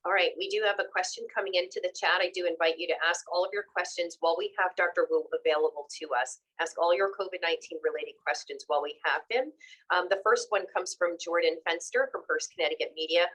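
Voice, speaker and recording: A woman moderating a media briefing, asking questions in a polite, measured way. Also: on the low side, fairly bright tone, husky, rough recording.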